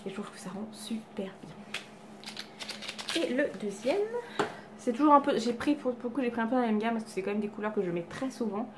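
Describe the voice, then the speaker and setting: Girl doing a makeup haul at home, kinda high voice, rambly and self-deprecating, bit of faint noise behind. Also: moderate pace. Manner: chatty, self-deprecating, full of fillers and restarts. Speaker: beauty vlogger. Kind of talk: casual haul chat to camera. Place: home with cats around.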